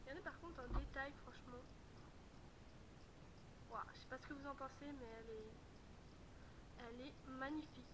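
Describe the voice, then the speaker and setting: High-voiced, excitable woman on a noisy recording. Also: normal speed, pauses often. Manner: chatty and excitable, laughing often. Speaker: YouTuber. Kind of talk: casual unboxing chat.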